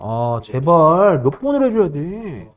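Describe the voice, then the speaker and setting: Man teaching math in a classroom, teasing and demanding, swooping animated pitch, slightly high voice. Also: slow pace, narrow, tinny audio. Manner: bossy, teasing, constantly checking understanding. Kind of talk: classroom lecture.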